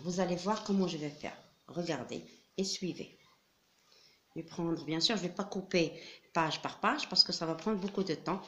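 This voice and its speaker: A woman explaining a classroom craft step by step, patient and methodical, with frequent pauses and fillers. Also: fairly low pitch, dull audio. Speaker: teacher.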